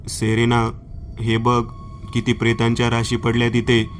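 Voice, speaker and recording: A man's voice: medium pitch, completely flat delivery, moderate pace, slight background noise, lightly acted. A man voicing a frightened young man trapped in a cave, panicked and pleading, in a horror story. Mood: alarmed.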